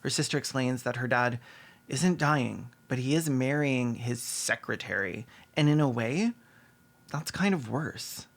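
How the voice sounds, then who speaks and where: A male video host gives sarcastic recap commentary in a creaky, medium-pitched voice at a slightly slow pace. He mocks what he describes in a sardonic way and acts out bits of dialogue.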